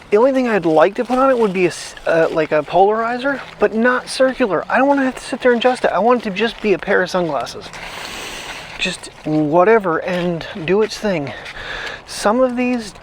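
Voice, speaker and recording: A man's voice: sits high, a little hiss or hum, poor audio. A man chatting casually in a daily vlog, rambling and thinking aloud as he talks about gear and the cold weather. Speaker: daily vlogger. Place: outdoors at night, walking a dog. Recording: direct phone mic audio.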